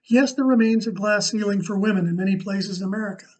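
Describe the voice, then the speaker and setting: Man with a high voice reads an earnest essay, a bit off-mic. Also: quick pace, darkish tone, recorded from a distance, rough recording. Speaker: commentator. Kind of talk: read reflective essay.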